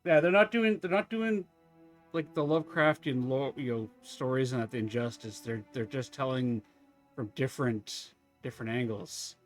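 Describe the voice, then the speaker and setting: A man's voice: mid-range voice, normal speed, faint music behind. A man giving casual live commentary as he streams a game.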